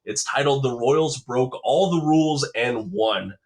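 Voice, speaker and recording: Young man, podcast host, upbeat casual chat, quick reactions, medium pitch. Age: young adult.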